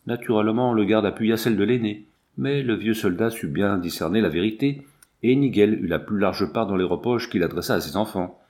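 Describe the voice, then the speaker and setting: Low-voiced man reading a story. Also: a little fast, a little mellow. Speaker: audiobook reader. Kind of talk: scripted narration.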